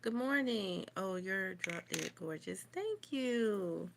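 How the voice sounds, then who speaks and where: Doing her makeup live from home, this young beauty vlogger chats casually and responds to comments as they come in. She speaks slowly at medium pitch with big swings in pitch and vocal fry, and background noise is audible.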